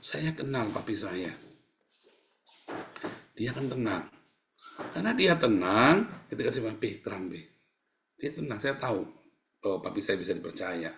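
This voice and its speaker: A male pastor delivering a sermon, swinging from loud acted-out cries to soft, quiet asides. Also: fairly low pitch, a little slow, gravelly, pauses often, slight background noise. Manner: animated preaching, swings between loud and soft, acts out cries. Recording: echoey church hall.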